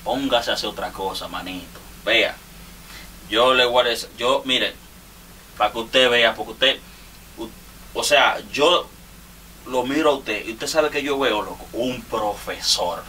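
Laughing often, a man with a Dominican Spanish accent rambles through a teasing roast of fellow artists. His medium-pitched voice is bright and forceful at a measured pace, captured by a distant mic with faint ambience and a little background noise.

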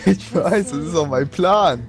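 A man's voice: fairly high pitch, measured pace, soft background music. A man bantering over a card game, his microphone overdriven into fuzzy clipping distortion. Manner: teasing, mock-triumphant. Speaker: gamer playing a card game. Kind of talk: casual gaming banter.

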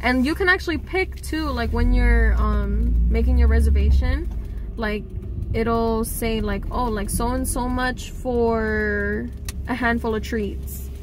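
A young woman with a slightly high voice chats to her followers from a car seat. She rambles casually, peppering her talk with fillers and small laughs. The dashboard camera picks up a noisy car interior around her. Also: slow pace. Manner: chatty, lots of fillers and laughs. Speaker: vlogger. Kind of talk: casual vlog chat. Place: parked car, passenger seat.

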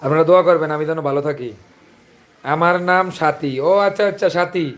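A man from Chandpur, Bangladesh, speaking with a Chandpur Bengali accent in a voice on the high side, hosts a casual livestream at a moderate pace. He's chatty, greeting viewers and asking them for comments.

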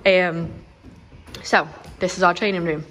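A young woman from Liverpool, a nail salon owner, chatting excitedly with lots of fillers as she films a walkthrough of her salon under renovation on her phone. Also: on the low side, measured pace, a little hiss or hum. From Liverpool, England. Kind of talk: walkthrough vlog.

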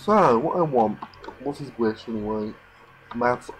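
A man's voice: mid-range voice, animated, a little slow, low-quality recording. A man giving irritated, ranting let's play commentary over a life-sim game. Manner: frustrated, ranting, swears mildly. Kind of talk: gameplay commentary.

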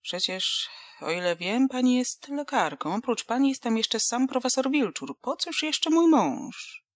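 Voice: medium pitch, expressive, moderate pace, no echo, clean studio sound, voice pushed up, natural voice. Woman reading as a cold, haughty doctor's wife. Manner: cold, indignant.

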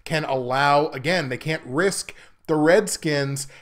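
A young man giving brisk, confident solo sports analysis as a mock draft host, with bursts of excitement. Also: a little high.

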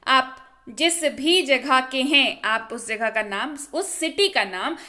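Over lesson slides in an online video, a young Indian woman with a bright, high voice and an expressive delivery teaches spoken English. Each example gets a slow repetition, and she answers the questions she asks.

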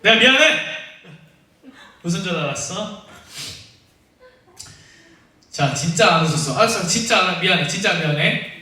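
Lively young man teaching kids in an echoey room. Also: high-pitched, normal speed, pauses often. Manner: playful, teasing, talks directly to kids by name. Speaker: children's ministry teacher. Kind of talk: online Sunday school lesson for children. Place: church room. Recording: echoey, distant from the mic.

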